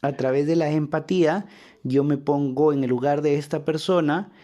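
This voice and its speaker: Male teacher, mellow tone; patient, repeats himself, keeps checking the students follow. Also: on the high side, normal speed. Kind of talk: recorded grammar lesson.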